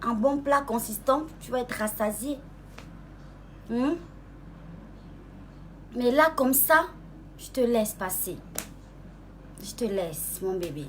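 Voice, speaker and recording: A young woman with a high, bright-toned voice speaks straight to a rival in a casual live-stream rant. She sweet-talks and mocks in the same breath, drawling some words slowly and leaping higher in pitch when irritation takes over. Faint background noise sits behind her. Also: expressive. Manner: mocking and sweet-talking, calls the listener "baby", asks "hmm?". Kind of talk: casual taunting monologue.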